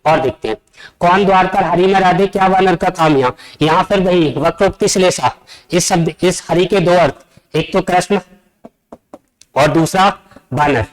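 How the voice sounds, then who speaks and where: A man's voice: high-pitched, moderate pace, low-quality recording. A male teacher giving an exam-prep grammar lesson, explaining step by step and putting questions to the class. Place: coaching classroom.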